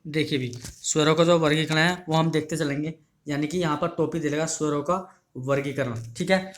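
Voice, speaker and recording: A man's voice: a little high, steady tone, moderate pace. Man teaching a patient online lesson. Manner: explains patiently, repeats key terms and asks the class questions; ends phrases with "ठीक है" checks. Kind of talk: online exam-prep lesson.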